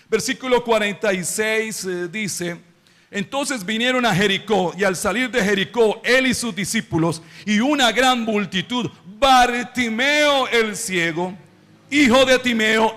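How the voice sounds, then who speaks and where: High-voiced preacher in an echoing hall. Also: male voice. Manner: emphatic preaching with drawn-out words and rising shouts. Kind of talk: sermon. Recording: long hall reverb.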